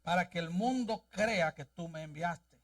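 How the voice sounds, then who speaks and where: A man's voice: high voice, measured pace, far from the mic. A male pastor preaching a sermon and reading scripture aloud in a church, with an emphatic delivery. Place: church sanctuary.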